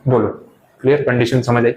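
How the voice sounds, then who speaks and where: A man's voice: medium pitch, level tone, fairly quick, darkish tone, low-quality recording. A male tax lecturer in a classroom, explaining step by step in English.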